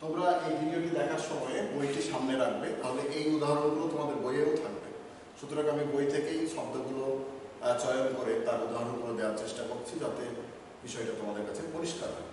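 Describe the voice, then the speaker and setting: A male teacher giving a slow, measured grammar lesson with pauses between words, recorded in an office room. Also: medium pitch, steady tone, a little mellow, a little hiss or hum. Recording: echoey room from far off.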